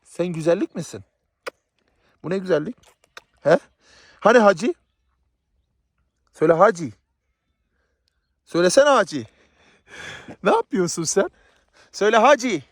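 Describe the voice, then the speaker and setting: A man's voice: sits high, expressive, a little slow, long pauses, dry recording, studio quality. A man from Southeast Turkey vlogging outdoors in a rural village, chatty and playful with a teasing manner. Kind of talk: casual vlog chat.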